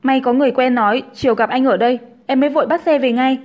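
A woman doing a shrill, scheming pregnant young woman. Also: fairly even intonation, fast talker, darkish tone, natural voice. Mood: whiny. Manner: shrill, accusing, theatrically wailing.

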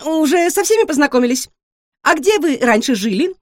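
A woman doing a squeaky, excitable little guinea pig. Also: dry recording, clean studio sound. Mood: chattering. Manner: rapid-fire questions, excitable and squealing. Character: chatty nosy young female guinea pig. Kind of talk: storybook reading.

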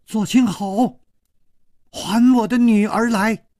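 A man doing a shrill, furious mother shouting from afar. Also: steady tone, slow, dry recording, clean studio sound. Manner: sharp, accusing.

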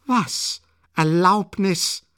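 A man's voice: sits high, moderate pace, fairly bright tone, no room sound, studio quality, voice pushed up. A man reading an audiobook, voicing a proud, desperate widow who shrieks in haughty, breathless outbursts. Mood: shrill indignant.

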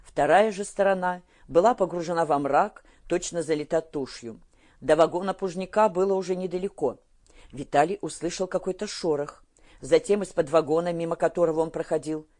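A woman narrating a historical novel as an audiobook reader, in a steady storytelling manner. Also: fairly low pitch. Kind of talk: scripted narration.

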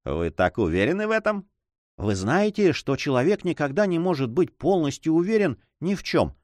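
A man's voice: fairly high pitch, big pitch swings, moderate pace, darkish tone, no echo, studio quality, pitched above the performer's own voice. Man playing a teasing French adventurer. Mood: mocking. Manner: teasing, self-assured. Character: mocking confident French adventurer, adult male.

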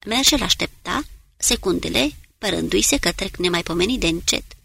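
A woman narrating an audiobook in a steady, measured reading voice. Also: lowish voice, vocal fry, husky, no echo. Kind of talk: scripted narration.

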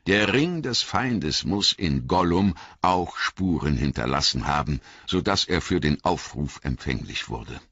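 A man voicing an old, wise male wizard who speaks in a grave, measured way with emphatic repetition, in an audiobook reading. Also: very deep voice, fairly bright tone, breathy edge, no room sound, heavily acted. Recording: dull lo-fi audiobook recording.

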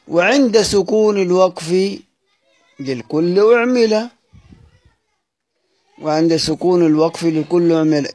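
A man teaching a live online lesson on Quran recitation. He explains step by step, asks questions and answers them himself, and chants verse lines slowly. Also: fairly high pitch, a little mellow.

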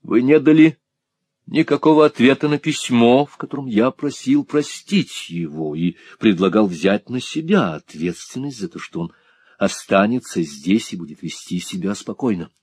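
A man's voice: on the low side, lively intonation, normal speed, husky, no echo. A man voicing a young, righteous male teacher who speaks firmly and defiantly against cruelty. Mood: outraged. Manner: firm, defiant, rising to angry shouts.

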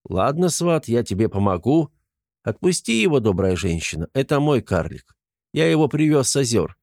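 A man's voice: medium pitch, big pitch swings, normal speed, creaky, a little mellow, dry recording. A man voicing a sardonic, stern young male hero who gives dry commands.

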